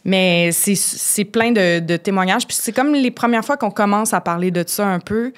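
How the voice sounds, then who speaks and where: A woman's voice: medium pitch, normal speed. A woman in her thirties with a Québécois accent, chatting openly as a podcast guest with restarts and fillers. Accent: Québécois French. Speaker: guest, playwright and actor. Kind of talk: casual podcast chat.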